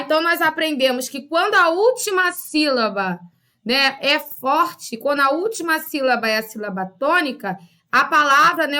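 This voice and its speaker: A woman's voice: high-pitched, sharp tone. A woman with a Brazilian Portuguese accent teaching a video lesson to young children, chatty and checking in with frequent little questions. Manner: chatty, uses frequent tag questions to pupils. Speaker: primary school teacher.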